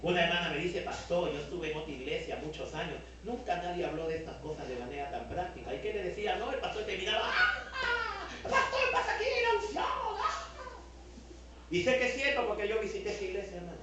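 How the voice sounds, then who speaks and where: A man with a Peruvian Spanish accent preaching a lively sermon as pastor, acting out the voices he quotes. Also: high-pitched, fast talker, few pauses, slight background noise. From Peru. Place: large church hall. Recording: echoey hall, mic at a distance.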